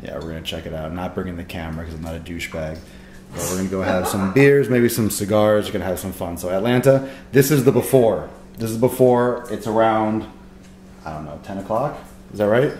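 A man's voice: sits low, brisk. Joking, crude man on a vlog camera. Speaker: vlogger. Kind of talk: casual vlog chat. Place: car, shops and rental home. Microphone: handheld action camera. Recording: loud background noise.

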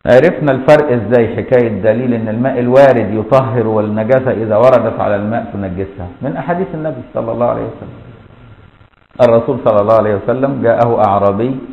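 A man with an Egyptian Arabic accent teaching a colloquial classroom lesson, explaining step by step and often checking that listeners follow. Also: mid-range voice. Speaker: Islamic jurisprudence teacher. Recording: echoey, dull lo-fi room recording.

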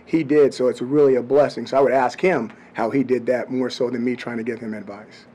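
A middle-aged man speaks as a head coach facing reporters after a game. He answers plainly and bluntly, in an even, mid-pitched voice. He is close to a cluster of table microphones in a press room. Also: a little fast, a little hiss or hum. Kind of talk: postgame press conference. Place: press room before a branded backdrop.

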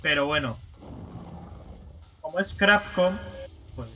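A man giving casual let's-play commentary, swearing and yelling at enemies as he plays. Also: on the high side, expressive, slow. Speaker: gaming streamer. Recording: slightly dull stream audio with game music.

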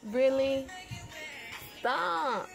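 Giggly young woman, high and slow. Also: gravelly, over music. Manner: teasing, giggly. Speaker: vlogger's partner. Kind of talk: casual chat. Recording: noisy handheld camera audio.

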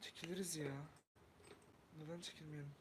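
Man from Turkey, live-stream host, slightly high voice, chatty, cooks while greeting viewers, faint background noise. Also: fairly even intonation, brisk. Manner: chatty, greets viewers warmly and reads comments aloud; talks while cooking.

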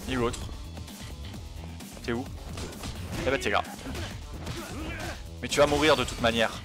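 A man's voice: mid-range voice, flat delivery, takes it slowly, music in the background. A man giving casual running commentary as he plays a video game, talking to himself with frequent hesitations. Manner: mumbled running self-talk with frequent hesitations. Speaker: let's play host.

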